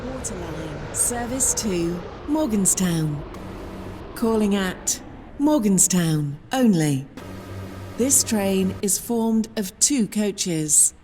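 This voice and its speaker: Slow female station announcement over a speaker. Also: medium pitch, a little hiss or hum. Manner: flat, evenly paced, clipped station names. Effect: platform loudspeaker announcement.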